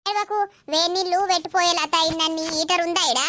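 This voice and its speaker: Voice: very high-pitched, steady tone, fast talker, bright, forceful tone, dry recording. A performer voicing a bossy, caring village woman in a cartoon who scolds and fusses, with a Telangana Telugu accent. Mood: comforting. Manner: scolding, fussing, talkative. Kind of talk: cartoon voice acting.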